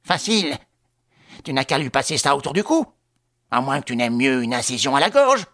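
A scheming middle-aged woman with a husky, breathy tone, as a male reader puts her on, her voice pitched far up and swinging widely between syrupy flattery and flat callousness. Storybook villainy, spoken close to the mic in a dry, unechoing space. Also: normal speed, no echo. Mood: cold. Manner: honeyed, ingratiating, then flatly callous. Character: scheming middle-aged woman, falsely sweet then cold.

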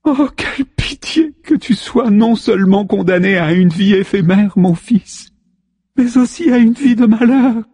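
A man voicing a grieving sea goddess mother who speaks softly, consoling and lamenting her son. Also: high-pitched, measured pace, slightly rough, dry recording, studio quality, in a large hall, voice pushed up, full character voice.

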